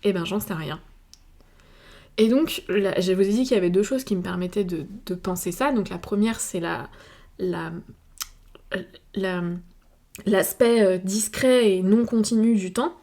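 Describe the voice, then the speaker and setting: A woman's voice: mid-range voice, measured pace, long pauses, mellow. A woman from France with a French accent, talking casually to her viewers and thinking aloud, with many fillers and restarts. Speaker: video creator. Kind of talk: casual reflective monologue to camera.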